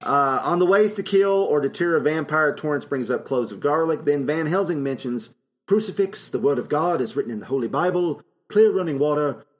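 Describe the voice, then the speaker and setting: A man's voice: a little high, expressive, a little fast. Chatty man rambling about a film. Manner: rambling, with many fillers and laughs. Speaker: podcast co-host. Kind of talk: casual film discussion.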